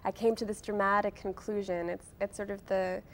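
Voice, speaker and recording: Talking informally as an interview guest, a woman in her late twenties who writes books and a blog comes across as wry, chatty and self-mocking. She has a medium-pitched, fairly bright voice, delivered briskly and flatly.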